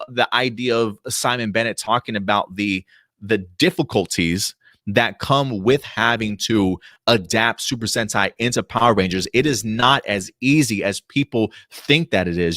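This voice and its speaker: A man's voice: on the low side, a bit bright, no room sound, clean studio sound. A man in his late thirties co-hosting a casual livestream chat, talking through viewer comments with lots of fillers and restarts. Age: 30s. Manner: chatty, reads out viewer comments. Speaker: podcast co-host.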